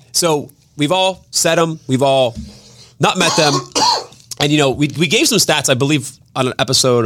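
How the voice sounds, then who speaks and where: A man's voice: mid-range voice, fairly bright tone. A man hosting a podcast, chatting casually, laughing often and joking between his points. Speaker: podcast host.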